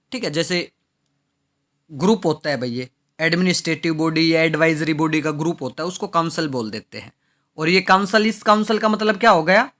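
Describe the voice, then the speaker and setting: A man with an Indian English accent teaches English vocabulary in a bright, slightly high voice. He spells words out letter by letter and reads example sentences very slowly. He keeps asking the class questions and then answers them himself. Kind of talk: classroom lesson explaining vocabulary.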